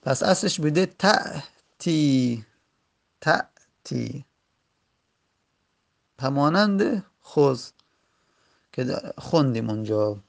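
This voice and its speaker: A man teaching a grammar lesson, explaining each step methodically with short pauses. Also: medium pitch, expressive, creaky.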